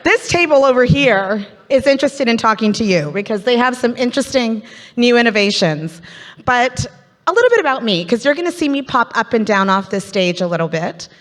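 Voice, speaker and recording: Her voice a little high and fairly bright, a Canadian host keeps a live business event moving briskly with lively intonation, holding a stage microphone. She's playful and talkative with the audience, her words ringing through a big, reverberant conference hall.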